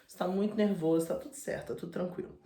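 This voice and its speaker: A man's voice: high voice, steady tone, very fast, warm tone, pitched above the performer's own voice. A man voicing a vain young dandy who brushes everything off in a sassy, flippant way. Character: vain breezy young man, campy and dismissive. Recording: roomy echo.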